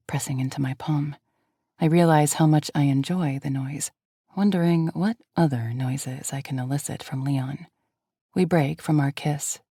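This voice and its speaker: A woman reading a fantasy romance audiobook in first person, with a soft, intimate delivery. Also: low-pitched, breathy edge, dry recording, studio quality. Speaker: audiobook narrator. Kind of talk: scripted first-person narration.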